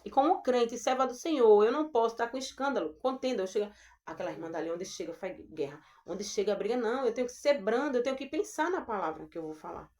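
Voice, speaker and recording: A woman with a Brazilian Portuguese accent giving a gentle, earnest devotional Bible talk, addressing her listeners as sisters. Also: on the high side, lively intonation, quick pace. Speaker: preacher.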